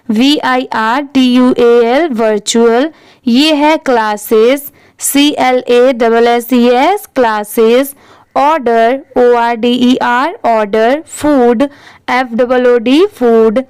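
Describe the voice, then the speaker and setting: A woman's voice: on the high side, fairly even intonation, extremely slow, darkish tone, smooth, no room sound. A woman teaching English reading, spelling each word out letter by letter and then saying it whole. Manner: spells words letter by letter, then repeats them. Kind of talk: slow spelling-out reading lesson.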